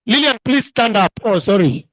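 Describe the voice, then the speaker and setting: A Kenyan man with a very high-pitched voice works as master of ceremonies, heard through loudspeakers with little echo. He is playful and informal, repeats phrases for emphasis and slips between English and Swahili. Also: lively intonation, moderate pace. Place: live reunion gathering with a microphone.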